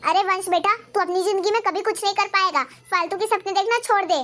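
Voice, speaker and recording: A woman voicing an elderly father in a cartoon story, pulling her voice far down into a low grumble. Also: fast, pushed and bright. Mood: stern. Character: gruff elderly father calming his angry wife. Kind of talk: animated cartoon voice acting.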